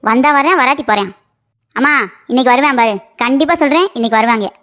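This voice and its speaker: A woman's voice: sits high, fast talker, fairly bright tone, voice pushed down. A woman voicing a sulky young wife who mocks her mother-in-law, in a comic cartoon. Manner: sulky, mocking.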